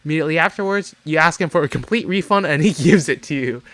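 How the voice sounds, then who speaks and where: A man's voice: a little high, quick pace, a bit bright, no echo. A man streaming a game, reading its dialogue aloud with jokey asides. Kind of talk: casual game playthrough. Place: home streaming setup. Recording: dry close mic with faint game music.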